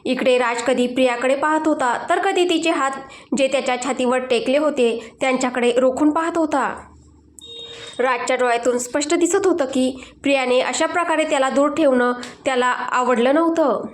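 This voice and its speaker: A woman narrating a dramatic storybook romance in a steady, dramatic manner. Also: sits high, moderate pace, roomy sound.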